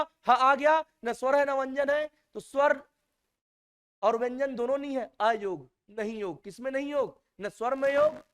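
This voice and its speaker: High-voiced man teaching a classroom lecture. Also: clear, resonant tone. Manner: quizzes students, repeats key terms.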